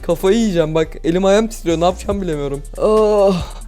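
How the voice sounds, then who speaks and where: A young man giving casual, excitable commentary over his gameplay, swearing often and laughing nervously. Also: sits high, fairly quick, soft background music. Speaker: gaming YouTuber.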